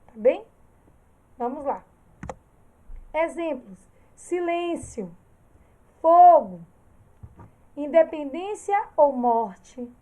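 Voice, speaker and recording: A woman's voice: sits high, dark tone. A woman teaching a grammar lesson, explaining step by step and often checking that her students follow.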